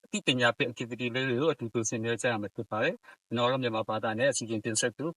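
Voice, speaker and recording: Young male event host, very fast formal speech, dry close sound. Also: mid-range voice, steady tone, fairly bright tone, no room sound, poor audio. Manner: rapid, formal delivery.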